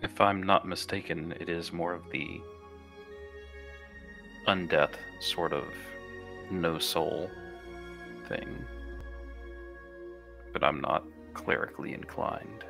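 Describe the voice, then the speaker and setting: A man's voice: deep voice, fairly even intonation, slow pace, gravelly, long pauses, music in the background. A man taking part in a tabletop role-playing game as a player, chatting casually.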